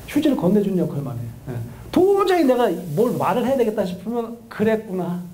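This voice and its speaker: A middle-aged man, a counseling professor, giving a lively lecture to an audience and acting out the voices of a wife and husband. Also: sits high, quick pace. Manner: animated, acts out quoted voices of a wife and husband.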